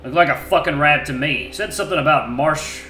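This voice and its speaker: A man's voice: fairly high pitch, brisk, pushed and bright, slight background noise, pitched above the performer's own voice. A man voicing a crude, ill-tempered male wolf being questioned, with blunt, clipped answers full of swearing. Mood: grumbling. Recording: echoey room with faint music.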